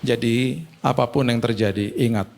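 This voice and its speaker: A male pastor, preaching a sermon through lively, humorous storytelling. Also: mid-range voice, normal speed, vocal fry.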